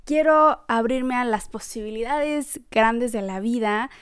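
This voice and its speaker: A woman giving a relaxed motivational talk in a smooth, resonant voice that sits a little high. She is animated, laughs often, and acts out the voices of the people she describes. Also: a little slow. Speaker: speaker on personal growth.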